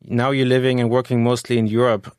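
A man's voice: medium pitch, level tone, fairly quick, a little mellow, clear, resonant tone, no room sound. A man interviewing a guest in a studio, asking questions casually with some fillers. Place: radio studio.

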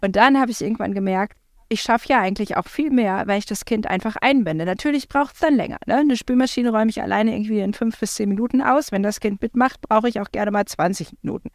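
A mid-pitched woman talks as a parent in a casual, reflective way, often pausing on fillers. Her voice sounds dry and close, with no room around her. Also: no echo. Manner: chatty, reflective, with frequent fillers. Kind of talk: casual conversation.

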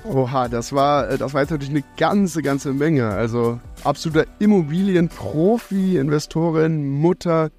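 A man's voice: a little high, moderate pace, few pauses, a little mellow, faint music behind. A man hosting a podcast, reading the intro and asking questions in a friendly, upbeat way. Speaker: podcast host.

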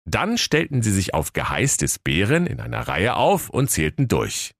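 Deep lively storyteller man. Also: moderate pace, gravelly, no echo, clean studio sound. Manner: mock-solemn, lively storytelling. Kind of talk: comic fairy-tale narration for children.

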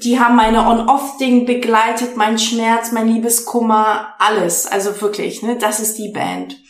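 A woman chats as an interview guest, her pitch sitting a little high. She tells her stories in an animated, excitable way. The recording has a roomy echo. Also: a little slow. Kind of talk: casual interview chat. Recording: echoey room.

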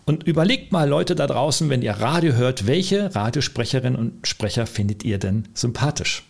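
A man co-hosting a podcast, talking casually in an animated, rambling way with many fillers and restarts. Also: mid-range voice, normal speed, gravelly. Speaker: podcast co-host, lecturer. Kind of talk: casual conversational podcast talk.

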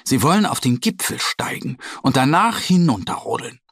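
A man reading a children's story aloud in a slow, lively, expressive way. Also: mid-range voice, gravelly, no room sound, studio quality.

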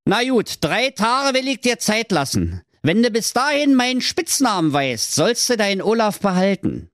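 A narrator voicing an ugly little evil male company doctor, squeaky, bossy and gloating. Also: very animated, moderate pace, no room sound, studio quality, natural voice. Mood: grudging.

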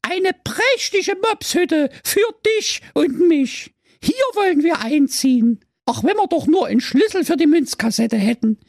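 A squeaky, dramatic young sister. Her falsetto screeches way up high and swoops around wildly. The recording is dry and close. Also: big pitch swings, normal speed, no echo. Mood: excited. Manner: shrieking, exaggerated falsetto.

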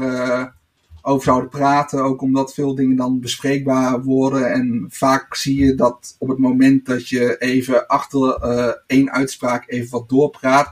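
A man, a guest in a casual interview, talking hesitantly with many filler sounds. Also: mid-range voice. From Netherlands. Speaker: podcast guest.

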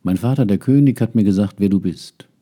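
Man reading young prince, indignant, earnest storybook figure, low gravelly voice, dark tone. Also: steady tone, unhurried. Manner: earnest, rising to indignant outbursts.

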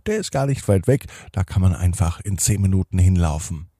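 Male bedtime narrator, gentle, husky, dry close sound. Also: low-pitched, lively intonation, a little fast, no echo. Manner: gentle, addresses children directly. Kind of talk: bedtime story narration for children.

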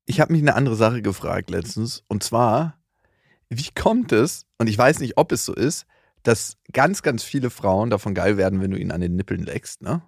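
A man in his thirties co-hosting a podcast in casual chat, an animated storyteller who laughs a lot and acts out dialogue. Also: on the low side, moderate pace, gravelly, slightly rough, no room sound, studio quality. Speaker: podcast co-host.

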